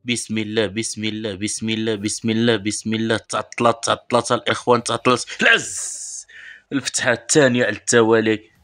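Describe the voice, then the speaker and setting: Hosting a channel about a mobile football game, a Moroccan Arabic-accented man gives live commentary while opening packs. His voice sits on the low side and he talks fast, addressing viewers chattily as brothers and sighing out pious exclamations amid moments of excitement.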